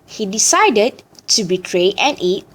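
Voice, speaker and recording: A woman reciting a story in a deliberate, theatrical way, as practice for choral speaking. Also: mid-range voice, sing-song, fairly bright tone.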